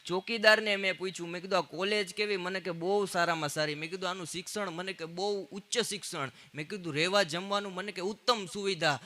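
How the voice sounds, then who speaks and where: Male stand-up comic, high and very bright voice, punchy storytelling on stage. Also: fairly even intonation. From Gujarat, India. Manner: punchline jokes with quick quoted exchanges. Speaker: stand-up comedian. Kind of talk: live Gujarati stand-up storytelling.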